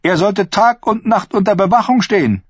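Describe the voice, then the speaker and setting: A man's voice: medium pitch, animated, moderate pace, breathy edge, no echo, voice pushed up. A man reading an audiobook voices a proud, furious queen who gives imperious, cutting commands. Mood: commanding. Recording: dull lo-fi recording.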